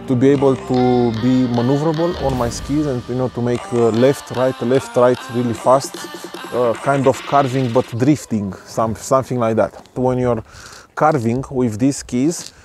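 Hesitant man reviewing skis outdoors. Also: medium pitch. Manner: hesitant, many fillers and restarts. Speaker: vlogger. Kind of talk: casual product review vlog. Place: outdoors at the foot of a ski slope. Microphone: camera on a tripod at medium distance.

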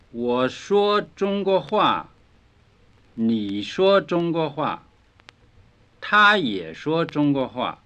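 A man reads a scripted language lesson in slow, carefully enunciated drill phrases. His voice sits a little high and moves with lively pitch swings. The sound is dull and lo-fi, typical of a 1950s record. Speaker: language teacher.

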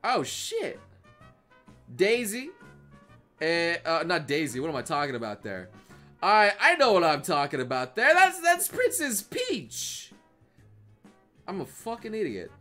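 Bright, lively young-sounding male streamer. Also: a little high, normal speed, pauses often, soft background music. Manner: rambling, repeats himself, swears often. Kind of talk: live stream meme reaction commentary.

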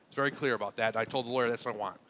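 A man's voice: medium pitch, racing, sharp tone, slight background noise. A man preaching a sermon, telling a personal story in a conversational way and acting out the back-and-forth of the conversation. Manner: conversational storytelling, recounting dialogue. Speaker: pastor. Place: church.

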